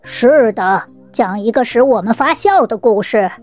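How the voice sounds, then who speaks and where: A woman's voice: a little high, animated, unhurried, a little mellow, soft background music, voice pushed down. A woman voicing a jovial, commanding king with a regal, decisive manner in a children's fairy-tale reading. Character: jovial, commanding old-fashioned storybook king.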